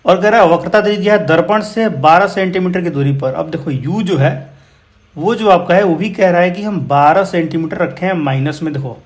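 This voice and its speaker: A man's voice: high-pitched, a little fast. A man with a Bihari accent teaching physics numericals in a casual, encouraging way, often calling his students brother. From India. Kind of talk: explaining exam problems.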